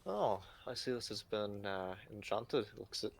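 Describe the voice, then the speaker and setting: A man voicing a brisk woman blacksmith in her early thirties with an Irish accent, gruff and matter-of-fact. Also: lowish voice, animated, exaggerated voice. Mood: businesslike. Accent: Irish, put on. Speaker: game master.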